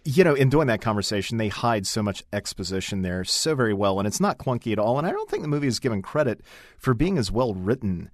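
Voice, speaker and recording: A man's voice: lowish voice, sing-song, fast talker, no room sound, studio quality. A man hosting a podcast, talking articulately and with enthusiasm. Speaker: podcast host. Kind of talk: casual podcast chat.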